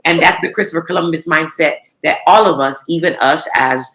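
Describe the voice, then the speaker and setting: Her voice is low, brisk and a bit bright. She's a recycling entrepreneur from the United States, in her thirties, talking casually as an interview guest and restarting often with plenty of fillers.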